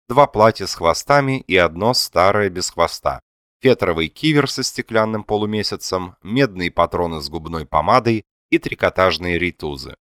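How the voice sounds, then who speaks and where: A man narrating an audiobook in an expressive, ironic storytelling manner. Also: sits low, no room sound, clean studio sound. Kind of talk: audiobook reading of a satirical novel.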